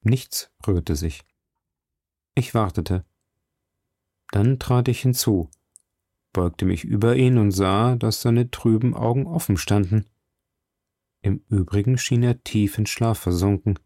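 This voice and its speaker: A man narrating a literary story in the first person, in a measured, somber reading. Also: lowish voice, warm tone, no echo, studio quality. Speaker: audiobook narrator.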